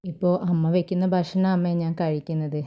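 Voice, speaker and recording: A gentle young wife reassuring her worried mother, voiced by a woman recapping a story. The delivery is low, even and smooth, with a dark, mellow tone. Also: a little fast, natural voice. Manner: soothing, reassuring.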